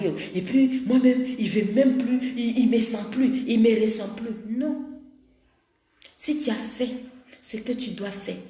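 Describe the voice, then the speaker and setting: A woman, giving frank advice to women in a blunt, preachy way. She swings between loud exclamations and low murmurs. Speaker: relationship advice host. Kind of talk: frank intimate advice monologue. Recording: echoey room.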